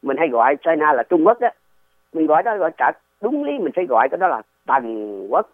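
A man's voice: a little high, very animated, a little fast, no echo. A man, a guest explaining history in a casual, digressive way and often asking rhetorical questions. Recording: tinny dry phone line.

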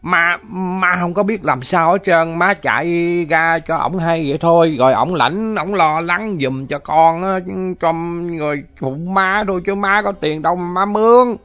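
A man's voice: on the high side, a little slow, hardly any pauses, a bit bright, lo-fi sound, voice pushed up. A man voicing a pious, fretful elderly mother who lectures and pleads, repeating her words. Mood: pleading.

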